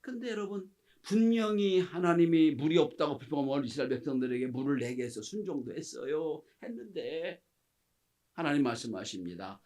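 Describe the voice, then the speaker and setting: Impassioned Korean pastor, high voice. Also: male voice, a little fast, darkish tone. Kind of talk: sermon.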